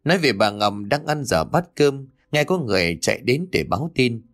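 A man's voice: medium pitch, sing-song, normal speed. A man narrating a ghost story expressively.

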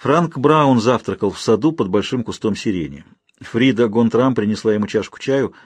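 A man narrates a literary novel in a measured, expressive way. His voice is husky, at an average pitch for a man. The recording is dry and close, with no room sound. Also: no echo. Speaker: audiobook narrator.

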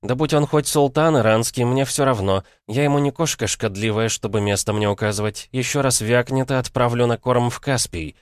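A man's voice: medium pitch, a little fast, no room sound, clean studio sound, voice pushed up, close to an everyday voice. A man doing a blunt, fierce warrior woman.

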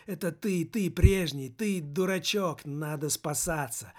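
A man's voice: fairly high pitch, measured pace. Man reading a frantic, pleading shifty man. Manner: excitable, frantic warnings. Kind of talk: audiobook character reading.

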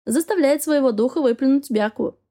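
Woman reading a bubbly, teasing young woman, high and mellow. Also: fairly quick, natural voice. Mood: amused. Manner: bubbly, laughing.

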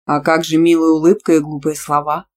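Woman reading a cocky man, low, calm, domineering, slightly growled. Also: brisk, lightly acted. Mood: smug. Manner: low, self-assured, growling at times. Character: smug, pushy male teacher, calm and domineering.

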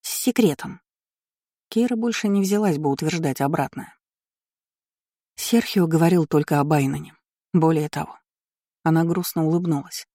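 An audiobook narrator reading a novel in an even, measured storytelling voice into a close mic. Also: mid-range voice, no room sound. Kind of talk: scripted narration.

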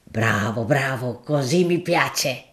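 A woman voicing a hearty, plain-spoken middle-aged male grocer, speaking slowly in a lowered voice with dialect-tinged words. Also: expressive, a bit bright, heavily acted.

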